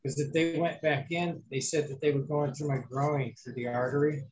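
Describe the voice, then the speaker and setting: Man with a gravelly, scratchy voice. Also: fairly high pitch, little pitch movement, normal speed, dull audio. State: bruised, inflamed throat after surgery. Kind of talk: casual chat.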